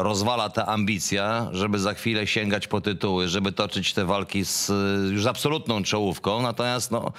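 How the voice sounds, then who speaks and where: A man's voice: mid-range voice, fairly bright tone. A male boxing show host asking long, winding questions full of fillers in a remote interview. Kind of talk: remote interview over video call.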